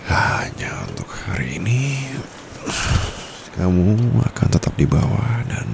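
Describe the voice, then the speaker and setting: An amateur voice actor with an Indonesian accent fully inhabits the role of a seductive, dominant private tutor in an intimate ASMR roleplay. His very deep, gravelly, breathy murmur is commanding and seductive, slow and teasing, drawn out and slipping into smug whispers. He's close to a condenser mic, with background noise clearly audible.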